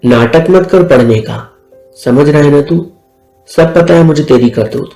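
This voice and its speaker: A man's voice: a little high, a little slow, dark tone. A man voicing a bossy, fiery young woman who scolds and threatens her younger brother, in an echoey room with faint music. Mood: scolding.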